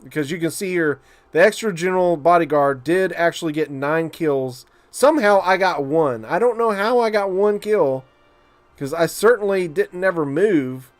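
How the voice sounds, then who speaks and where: A man commentating a strategy game battle for his channel, excitable and incredulous, often stammering and repeating himself. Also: fairly high pitch, normal speed.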